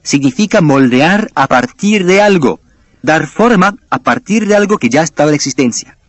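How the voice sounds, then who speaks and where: Lively, emphatic male Bible teacher. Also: fairly high pitch, dry recording. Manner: emphatic, repeats key words, poses rhetorical questions; reads scripture aloud slowly and deliberately.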